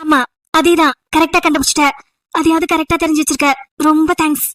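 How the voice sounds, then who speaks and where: A woman voicing an irritated, sharp-tongued young female college student in an amateur audio drama, scolding with sarcastic rhetorical questions. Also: high-pitched, level tone, fast talker, no echo, natural voice. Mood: annoyed.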